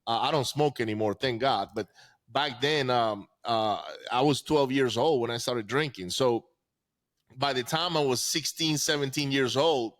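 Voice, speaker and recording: This podcast guest, a man in his forties who grew up in Venezuela, recounts his life in a relaxed, stumbling manner, often restarting and repeating himself. He speaks at a medium pitch with a touch of brightness.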